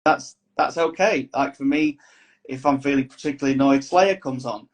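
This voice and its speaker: A man's voice: medium pitch, normal speed. A man, a musician guest on a podcast, talking in a rambling, thoughtful casual chat. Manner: rambling, thoughtful, many restarts.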